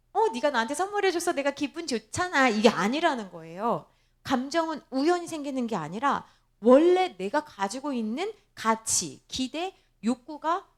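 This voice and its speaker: A woman pastor preaching a sermon in a church, emphatic and repetitive, putting rhetorical questions to the congregation. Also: sits high.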